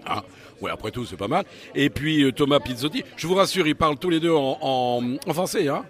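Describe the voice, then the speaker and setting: A man's voice: a little high, lively intonation, brisk. Guy doing a street interview, jokey and chatty, lots of euh and puns.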